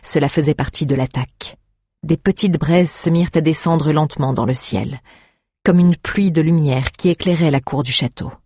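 A narrator reading an adventure story aloud in a steady, dramatic way. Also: medium pitch, moderate pace, breathy edge, no echo, studio quality. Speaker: audiobook narrator.

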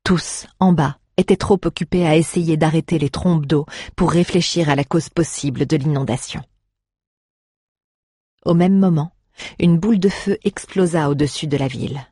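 A husky, slightly breathy narrator reads an adventure story with a steady, dramatic pace. The sound is dry and close, with no room around it. Scripted storybook reading. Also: mid-range voice, moderate pace, no echo. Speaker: audiobook narrator.

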